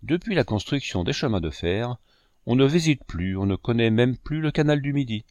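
Lively male storyteller, dry close mic. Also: mid-range voice, normal speed, no echo. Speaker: audiobook narrator. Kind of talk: scripted narration.

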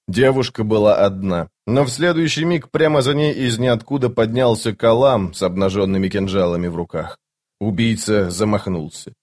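A man narrates a fantasy audiobook at a measured, steady pace. His voice sits somewhat low for a man.

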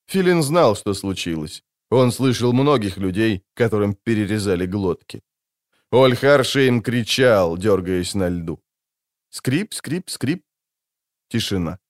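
A man narrating an audiobook in a steady, dramatic storytelling manner. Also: medium pitch, measured pace, no room sound, studio quality.

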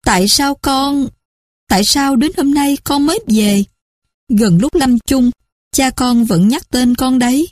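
A woman's voice: high-pitched, a little slow, a little mellow, no echo, studio quality, voice pushed up. A woman voicing a remorseful stepmother in her fifties, speaking tearfully and pleadingly in a told story.

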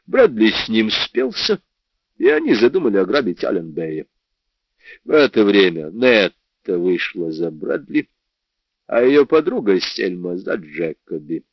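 Male audiobook narrator, low voice with lively pitch, dull dry lo-fi sound. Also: measured pace, no room sound. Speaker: audiobook reader. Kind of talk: first-person novel narration.

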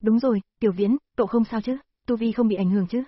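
Casting: concerned older guild master, read by a woman's AI voice; husky, hurried. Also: high voice, steady tone, no room sound. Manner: concerned, surprised questioning. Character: caring older male alchemy guild master. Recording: dull lo-fi synthetic audio.

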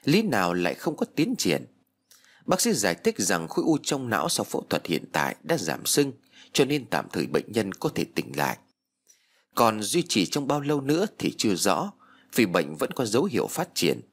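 Male narrator for a ghost story channel, low husky voice, wildly varied pitch. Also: normal speed. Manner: expressive, emotional reading. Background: faint music.

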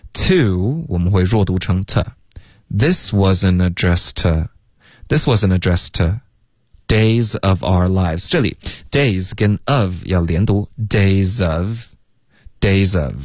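Brief: male radio tutor, deep voice, dry studio sound, slow drilled phrases with frequent OKs. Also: a little mellow, no echo. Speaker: English pronunciation teacher. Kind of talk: radio English lesson, mixing Chinese and English.

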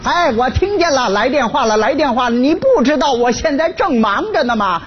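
A boastful, henpecked husband. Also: male voice, very high voice, big pitch swings, a little fast, lo-fi sound. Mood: bragging. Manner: brags loudly, then grovels and stammers. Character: laid-off henpecked husband, boastful, fawning to wife. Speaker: comedy sketch actor. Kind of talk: stage comedy sketch.

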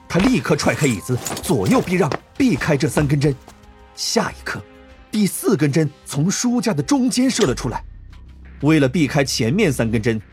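A man narrating a dramatic audiobook in an expressive, tense storytelling manner. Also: a little high, husky. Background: faint music.

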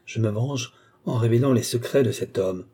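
A proud vengeful young woman, earnest and firm, low mellow voice with a husky edge, as a male audiobook reader gives her lines. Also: moderate pace, lightly acted. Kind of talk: audiobook reading.

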